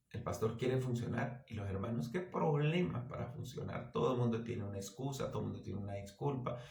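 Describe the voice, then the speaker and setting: A man preaching a sermon as pastor, earnest and exhorting, with lively anecdotes. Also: lowish voice, roomy sound. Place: church.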